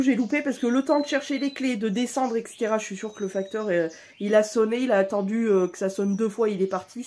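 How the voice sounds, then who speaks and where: Woman vlogger, casual chat at home, higher voice, loose and informal, light background hiss. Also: a little mellow. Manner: chatty and informal, with casual swearing.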